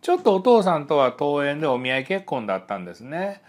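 A man giving a psychology lecture, telling stories in an animated way and voicing the people in them. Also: a little high, fast. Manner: animated storytelling, voices the people in his stories. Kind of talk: spoken lecture with acted-out dialogues.

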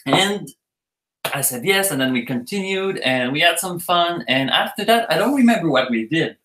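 A man's voice: fairly high pitch, expressive, moderate pace, fairly bright tone, reverberant, low-quality recording. A man casually telling the story of how he met his partner, chatty and playful. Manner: chatty, playful, laughs often. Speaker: co-host telling their story.

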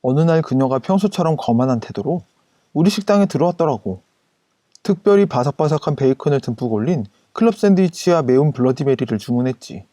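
A man narrating a first-person anecdote as scripted storytelling, in an even, casual retelling style. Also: medium pitch, a little fast, no echo, clean studio sound.

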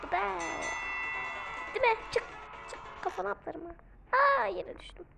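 A woman giving playful, excitable commentary while playing a video game, often shrieking and counting aloud. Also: very high voice, normal speed, creaky, rough recording. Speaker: gaming video creator. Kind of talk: casual gameplay commentary. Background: game music.

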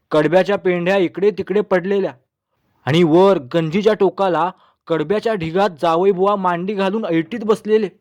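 High-voiced man telling a comic story. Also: a little mellow, dry recording. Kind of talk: humorous story reading.

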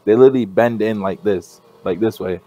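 A man's voice: lowish voice, a little fast, dark tone, dry recording, dull audio, soft background music. A young man on a video chat, laid-back and defensive about being teased. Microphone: webcam.

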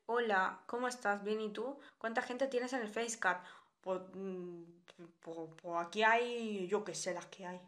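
A woman's voice: medium pitch, measured pace, a bit bright. Young Spanish woman, casual live streamer, frank and talkative. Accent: Spanish, from Spain. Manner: chatty, blunt, reads viewer comments aloud.

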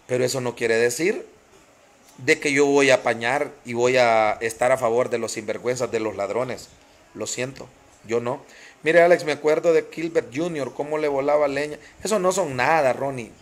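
A man's voice: medium pitch, normal speed. Fiery Honduran man ranting on stream. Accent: Honduran Spanish. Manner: passionate, emphatic, repeats phrases for force. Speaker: live-stream host. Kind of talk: heated live-stream rant, greeting viewers.

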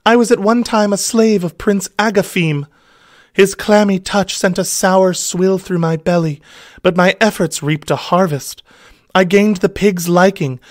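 A man's voice: high voice, no echo, clean studio sound, pitched above the performer's own voice, lightly acted. A man putting on a sultry noblewoman.

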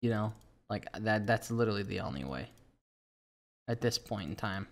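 A man hosting a casual game commentary who swears a lot and swings from panic back to calm. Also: lowish voice, normal speed, creaky. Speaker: gaming channel host. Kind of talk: casual let's-play commentary.

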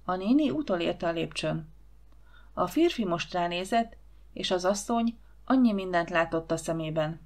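Woman reading an audiobook, lowish voice. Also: animated, a little mellow. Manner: acts out the dialogue with shifting voices. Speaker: audiobook reader. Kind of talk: audiobook narration.

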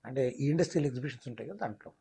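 A man's voice: medium pitch, animated, rapid-fire, creaky, mellow, husky. A mimicry artist, explaining his craft in an interview and slipping into demonstration voices. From Telangana, India.

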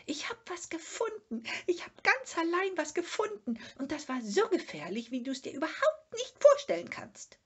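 A woman voicing a small, timid but excitable animal creature in a storybook reading, eager and breathless. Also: very high voice, moderate pace, few pauses, voice pushed up, full character voice. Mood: excited.

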